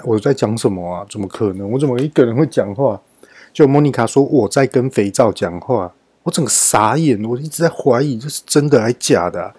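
A man's voice: medium pitch, mellow, breathy edge, no echo. A married man hosting a podcast, telling a self-mocking story in a chatty way. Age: adult, married. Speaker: podcast host. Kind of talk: casual storytelling monologue.

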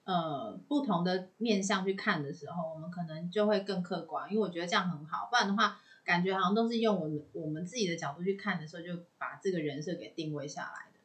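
Thoughtful low-voiced woman co-host. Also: fast talker, hardly any pauses. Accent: Taiwanese Mandarin. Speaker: podcast co-host. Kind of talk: casual chat.

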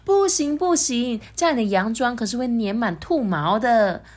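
A woman's voice: a little high, expressive, normal speed, a little mellow, pitched above the performer's own voice. A woman voicing a fussy, doting queen mother in a storybook, squealing and gushing.

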